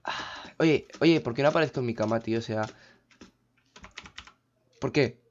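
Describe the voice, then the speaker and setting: A man's voice: medium pitch, a little slow, dull audio, a little hiss or hum. A man giving casual, rambling gameplay commentary, often breaking into panicky outbursts. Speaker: gaming YouTuber.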